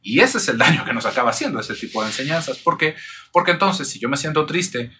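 A man's voice: medium pitch, lively intonation, quick pace, bright, forceful tone, slight background noise. A man hosts a psychology channel. He gives a thoughtful explanatory monologue full of rhetorical questions.

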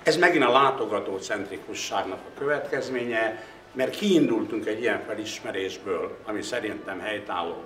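This curator, a man in his 60s, muses philosophically during an interview in an indoor gallery, hesitant in places and emphatic in others. His voice is fairly low yet fairly bright in tone, recorded on a lapel mic with slight hiss or hum and music in the background.

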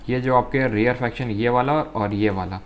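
A man teaching an exam-prep physics lesson. He reads textbook lines slowly, then explains in Hindi, often saying "ठीक है". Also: medium pitch, a little hiss or hum.

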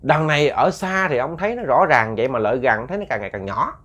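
A man telling a ghost story in a casual, animated way, repeating words for suspense and talking to his listeners. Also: mid-range voice, quick pace. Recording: muffled lo-fi recording.

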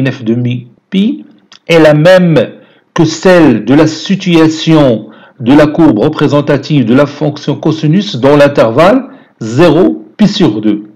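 Moroccan guy teaching math, husky voice, walks through the graph bit by bit. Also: on the high side, darkish tone. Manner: explains step by step, mixing French with Moroccan Arabic. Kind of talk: lecture.

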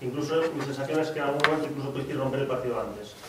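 A man's voice: medium pitch, very fast, background noise. A man, a reporter asking long, detailed questions at a press conference. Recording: echoey room, distant from the mic.

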